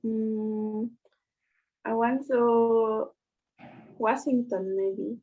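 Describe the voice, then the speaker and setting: A woman learning English who asks questions in careful, halting English on a video call. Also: fairly high pitch, fairly even intonation. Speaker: student in an English conversation class. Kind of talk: casual video-call chat. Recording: muffled video-call audio.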